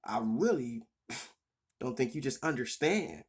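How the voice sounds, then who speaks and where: A man's voice: mid-range voice, animated, slow pace, husky. Male commentator with a mid-range voice, blunt, profane and mocking, reacting to a clip.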